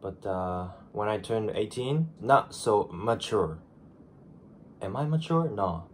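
Slow and expressive, with a voice on the low side, this Japanese vlogger in his twenties chats to the desk camera in front of him in his small bedroom. He has a Japanese accent and is groggy from just waking up. He's self-deprecating and keeps restarting phrases, and there's slight background noise.

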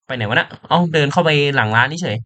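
A man's voice: on the high side, very fast, pushed and bright. A man chatting casually as he plays a game, joking and thinking aloud. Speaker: gaming streamer. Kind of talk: casual let's-play commentary.

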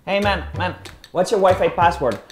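A man's voice: sits high, moderate pace, reverberant, background noise. A young man in a home kitchen, bantering with his friends in a laid-back, teasing way. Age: young adult. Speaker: sidekick friend. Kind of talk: comedic banter.

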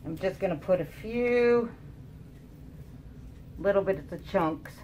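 A woman's voice: mid-range voice, takes it slowly, a little mellow, a little hiss or hum. A woman casually narrating a craft tutorial, her voice muffled by a mask over her mouth. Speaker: resin craft demonstrator.

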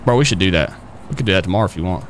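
A man chatting casually as a live game streamer, folksy and excitable as he talks to his viewers and buddies. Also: deep voice, rapid-fire, slight background noise. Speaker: streamer and police role-play host. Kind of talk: casual live stream chat while playing.

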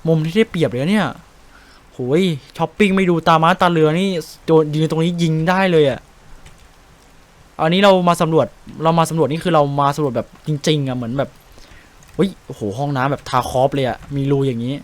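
A young man with a Thai accent giving casual gameplay commentary, chatty and excitable, swearing casually while he explains tactics. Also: a little high, a little fast. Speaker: game streamer.

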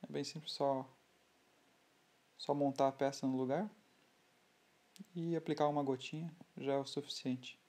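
A Brazilian man talks through a model-building tutorial at his workbench. His voice is dark and mellow, at a middle pitch. He is relaxed and unhurried, stopping to restart his phrases. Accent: Brazilian Portuguese. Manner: relaxed, halting, with many restarts. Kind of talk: hobby tutorial voice-over.

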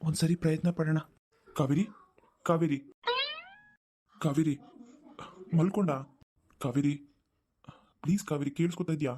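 A man's voice: a little high, steady tone, normal speed, pauses often, dark tone, slight background noise, lightly acted. A man voicing a young cartoon husband who earnestly pleads with his upset wife and mutters his worries to himself. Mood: pleading. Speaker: cartoon character. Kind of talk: animated drama voice acting.

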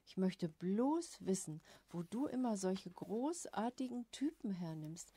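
A woman doing a blustering middle-aged father in a slowly paced storybook reading, loud and gruff, with a vain streak. The voice is mellow and dark underneath, set in a dry, close sound. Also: medium pitch, lively intonation, no echo. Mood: amused.

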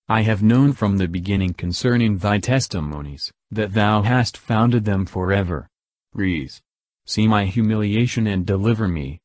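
Guy reading psalms out loud, slow and solemn, kinda low voice, dry sound. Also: no echo. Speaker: scripture reader.

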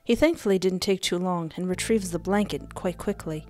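In a low-side, slightly mellow voice at normal speed, a young woman plays a horror game on stream, narrating visual novel passages with playful, cheeky, sassy reactions. It's a let's play recorded at an indoor desk through headset and close mic, faint game music in the background.

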